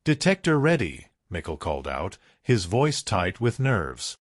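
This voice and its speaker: A man giving scripted dramatic narration in a measured, cinematic storytelling manner. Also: low-pitched, sing-song, no room sound, studio quality.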